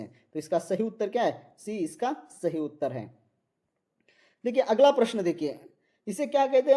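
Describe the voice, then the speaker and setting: Mellow-voiced male Hindi teacher. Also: sits high. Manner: quizzing listeners, repeats each answer. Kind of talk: exam-prep lecture.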